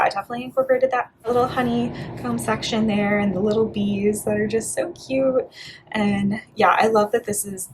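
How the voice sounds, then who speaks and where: A woman's voice: mid-range voice, noisy background. Chatty young woman from Bulgaria. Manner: relaxed, chatty, many "like" and "yeah" fillers. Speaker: art vlogger. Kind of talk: casual voice-over flip-through.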